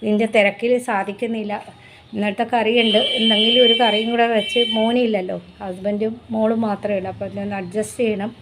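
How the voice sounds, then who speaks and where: A woman chatting casually to her viewers about her home chores, often cooing to her pet dog in a high sing-song voice. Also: level tone, brisk, noisy background. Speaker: vlogger. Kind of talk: casual home vlog chat.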